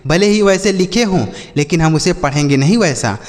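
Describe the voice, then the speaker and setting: A man's voice: on the high side, moderate pace, big-room sound. A man teaching English reading, spelling words out letter by letter and quizzing his students. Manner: repeats questions to an imagined class. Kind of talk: spoken classroom lesson.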